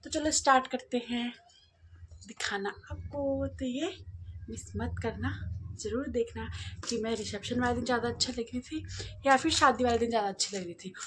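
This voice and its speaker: A woman's voice: fairly high pitch, a little hiss or hum. A young woman with an Uttarakhand Hindi accent, vlogging in a playful, chatty way as she shows her wedding album and laughs often. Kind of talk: casual chat to camera.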